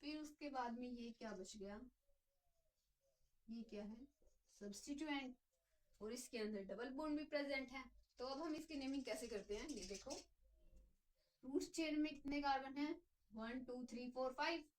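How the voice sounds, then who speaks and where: A woman's voice: sits high, moderate pace, long pauses, far from the mic, poor audio. A woman teaching a chemistry lesson, explaining step by step and answering her own questions as she goes. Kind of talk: classroom lecture.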